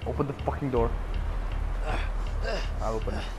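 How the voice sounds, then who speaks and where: A man's voice: medium pitch, steady tone, moderate pace, over loud music. A man commenting casually on a game, swearing, laughing and acting mock-betrayed. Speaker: gaming streamer.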